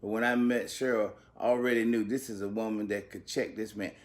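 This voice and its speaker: A man's voice: on the low side, level tone, brisk. A pastor, a man, giving a folksy, joking and emphatic memorial tribute.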